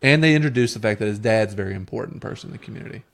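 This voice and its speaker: A man's voice: on the low side, very fast, creaky, a bit bright. A man co-hosting a podcast, ranting about a TV episode in casual chat with exasperated sarcasm. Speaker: podcast co-host.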